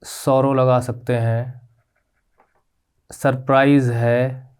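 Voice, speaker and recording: A male teacher talks over his slides at a middle pitch, patient and methodical. He slows down to spell out key terms and keeps checking in with his students. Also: little pitch movement, darkish tone, clean tone. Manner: patient, repeats "ठीक है?" checks with rising pitch; spells out terms slowly, mixing English words into Hindi. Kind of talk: classroom grammar lesson.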